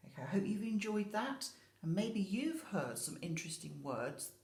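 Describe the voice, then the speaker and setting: Her mid-range, slightly mellow voice is very animated and moves at a normal speed as this British infant school teacher discusses a picture book with young children. She leans on key words and keeps checking in with tag questions, and the home-style recording sounds roomy and echoey.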